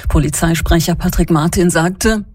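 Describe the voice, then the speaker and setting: A woman reading the radio news in a formal, even studio delivery. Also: fairly low pitch, moderate pace, slight background noise. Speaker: news presenter.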